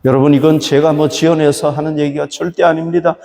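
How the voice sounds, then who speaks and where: Pastor guy preaching, fairly high voice, lots of rhetorical questions, long church hall reverb. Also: flat delivery, brisk, gravelly, dark tone. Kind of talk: sermon.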